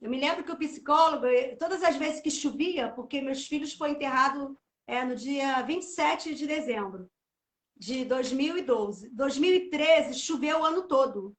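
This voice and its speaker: A woman's voice: high voice, animated, moderate pace, reverberant. A middle-aged woman telling an emotional personal testimony, talkative and full of "né". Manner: talkative, emotional storytelling with many "né". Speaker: host of a live church chat series. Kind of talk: casual testimony chat.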